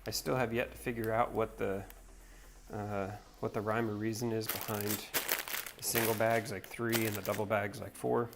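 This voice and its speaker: Against a noisy background, this livestream host from North Carolina talks casually and rambles easily as he builds. He speaks at a moderate pace in a lowish voice with vocal fry and little pitch movement.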